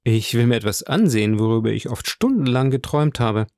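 A suave count in a storybook reading, calm and polished, who chooses each courteous phrase with care, as a man reads him. His voice has a gravelly grain and sounds dry and close to the mic. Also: medium pitch, a little fast, dry recording, natural voice. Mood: assured. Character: suave, composed male count, courteous and assured.

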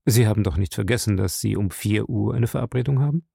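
A man doing a forceful ironic captain. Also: on the low side, fast, vocal fry, slightly rough, dry recording, studio quality, heavily acted. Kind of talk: audiobook character voice.

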